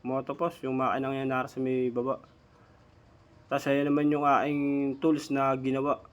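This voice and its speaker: A man's voice: mid-range voice, monotone, normal speed, dull audio. A Filipino man giving a casual hands-on tool demo as a DIY mechanic vlogger, informally addressing viewers, his speech slightly slurred by missing front teeth.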